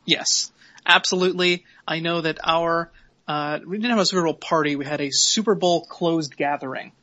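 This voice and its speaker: A man hosts a casual sports podcast, walking through the plays in quick, wry detail. His voice is bright and dry, with no room sound around it. The recording is dull and a little lo-fi. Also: fairly high pitch, no room sound. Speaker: podcast host.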